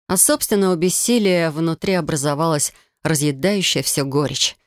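Audiobook narrator, first-person fantasy reading, emotive and dramatic, dry close recording, mid-pitched voice. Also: moderate pace, no room sound.

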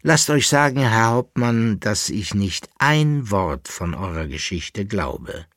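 A man reading aloud, voicing a haughty, teasing masked noblewoman in a playful, sharp tone. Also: fairly low pitch, big pitch swings, takes it slowly, dry recording, studio quality, heavily acted.

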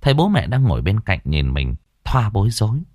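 Male horror narrator, suspenseful, animated pitch, close dry recording. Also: a little fast, no echo. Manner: dramatic, suspenseful storytelling. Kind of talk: scripted horror story narration.

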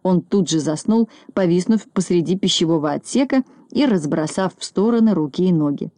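A woman reading a children's story aloud in a calm, even storytelling voice. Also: on the low side, fairly quick, no echo. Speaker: reader.

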